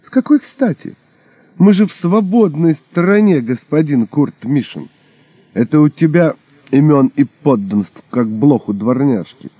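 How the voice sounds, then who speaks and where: Mocking soviet woman, as a male reader puts her on, sharp-tongued, slow, dull lo-fi sound. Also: a little high, animated, slightly rough, dry recording. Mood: sassy. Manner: mocking, brash. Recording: dull lo-fi recording.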